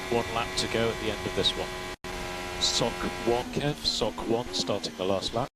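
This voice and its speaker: A male race engineer gives measured gap updates and instructions over a team radio link. His voice is fairly low, and the transmission is swamped by heavy hum and vehicle noise. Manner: measured, instructional, reads out gaps and numbers. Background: loud hum and car noise.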